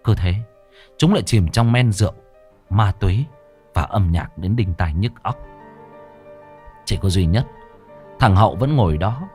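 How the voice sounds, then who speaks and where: A man's voice: low voice, unhurried, pauses often, soft background music. A man narrating a horror story in a scripted, dramatic way. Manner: expressive, dramatic.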